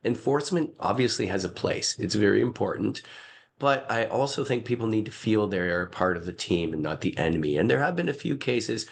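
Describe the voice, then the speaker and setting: A man with a croaky voice giving a conference talk, hesitant with many fillers, over a video call. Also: lowish voice, expressive, fairly quick, a little hiss or hum. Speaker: conference speaker.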